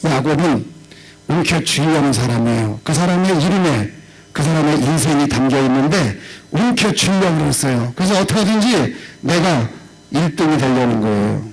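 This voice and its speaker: A middle-aged pastor with a Chungcheong accent delivers a lively revival sermon in a fairly high voice. He acts out quoted voices and swings between raised and low tones. A faint electrical hum sits under his voice. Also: moderate pace, low-quality recording. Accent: Chungcheong Korean. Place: church revival meeting hall.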